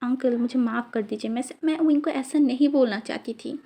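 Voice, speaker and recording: Woman reading a flustered young husband in a told story, stammering, warm and high. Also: fairly quick. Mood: apologetic. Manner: stammering, pleading.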